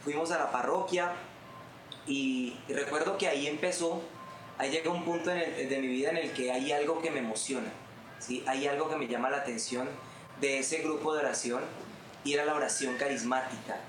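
Speaking a little fast in a steady, medium-pitched tone, this twentysomething man with a Colombian accent recounts his faith journey as a guest musician. The interview testimony is earnest and heartfelt, captured in a roomy space with background noise.

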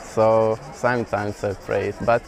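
Young guy from slovakia, kinda low voice, lots of ums, earnest, outside. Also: flat delivery, unhurried, low-quality recording. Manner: hesitant, many ums, earnest. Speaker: festival pilgrim. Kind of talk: casual interview answers.

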